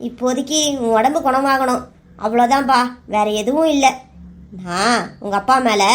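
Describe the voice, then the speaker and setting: Woman playing a weary, tender mother, high-voiced. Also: close to an everyday voice. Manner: soothing, tearful. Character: worried middle-aged mother, tender and weary. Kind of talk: cartoon serial dubbing.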